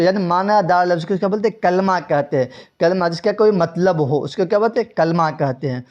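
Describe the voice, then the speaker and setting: A man's voice: high-pitched, a little mellow. A man teaching Urdu grammar for an exam, who asks rhetorical questions, repeats the answers and spells out English words letter by letter. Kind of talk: exam-prep grammar lesson. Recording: dull lo-fi recording.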